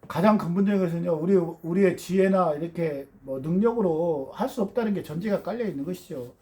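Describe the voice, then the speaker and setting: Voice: medium pitch, a little fast, dark tone. A pastor preaching a fervent sermon, often putting rhetorical questions to the congregation.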